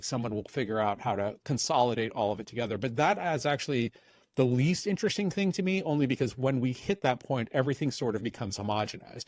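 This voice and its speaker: A man's voice: mid-range voice, no room sound. A man talking as a podcast guest in casual interview chat, rambling with many fillers and restarts.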